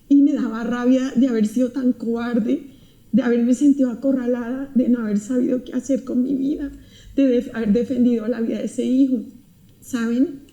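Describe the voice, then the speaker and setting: With a fairly high pitch and warm tone, a woman recounts an emotional personal testimony in an earnest, intense way, returning to the same words again and again. The recording has a roomy echo.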